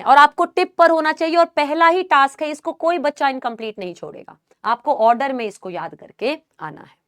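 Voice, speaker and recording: A woman biology teacher, lecturing a class and drilling a memory trick through slow repetition. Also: high-pitched, a bit bright. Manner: slow drilling repetition, addresses students as beta.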